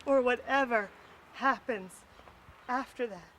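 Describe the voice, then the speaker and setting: A woman's voice: on the high side, takes it slowly, fairly bright tone, slight background noise. An actress playing a determined young pregnant woman who speaks firmly and resolutely. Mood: defiant. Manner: firm, resolute.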